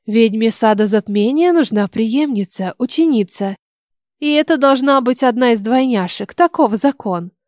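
A woman's voice: a little high, lively intonation, moderate pace, darkish tone, no echo, studio quality, lightly acted. A woman reading the lines of a cruel, cunning old witch in an audiobook, speaking in a coaxing, menacing way.

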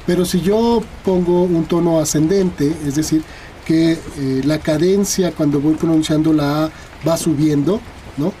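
Hesitant Mexican man, mellow voice. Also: fairly high pitch, unhurried, slight background noise. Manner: hesitant, many fillers and tag questions. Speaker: guest linguist. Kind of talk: explanatory interview talk.

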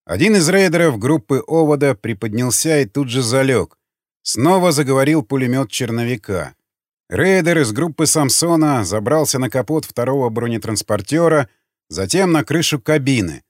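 Male audiobook narrator, lively voice. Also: medium pitch, moderate pace, no echo, clean studio sound.

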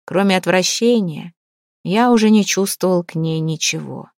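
An audiobook narrator reads a first-person novel aloud, dramatically acting out the dialogue and voicing the quoted lines. Her voice is fairly low and darkish, at a normal speed. The sound is clean studio quality with no echo.

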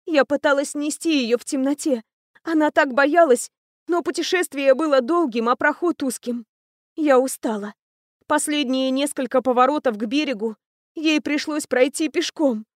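A proud young captive princess speaks in a high, hoarse, weakened voice, as a woman reads her in an audiobook. The recording is dry and close-miked. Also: a little fast, dry recording, close to an everyday voice. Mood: sobbing. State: hoarse and weak.

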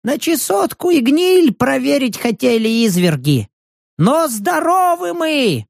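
A man voicing a cheeky old male tramp who shouts back in a high, cracked voice in an audiobook. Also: very animated, takes it slowly, gravelly, no echo, studio quality, heavily acted. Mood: cheeky shouting.

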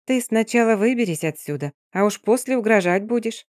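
Sly mocking river spirit girl, sing-songy and high, narrator doing her voice, dry audiobook sound. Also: expressive, fairly quick, darkish tone, dry recording, lightly acted.

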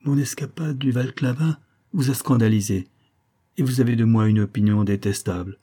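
A man voicing a mischievous, spirited young woman in an audiobook, his voice raised higher, lively and wilful. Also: moderate pace, close to an everyday voice. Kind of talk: audiobook reading.

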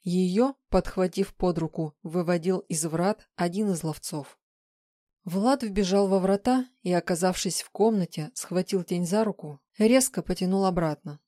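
Low-voiced woman narrating an audiobook. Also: measured pace, mellow, no room sound, clean studio sound. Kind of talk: scripted narration.

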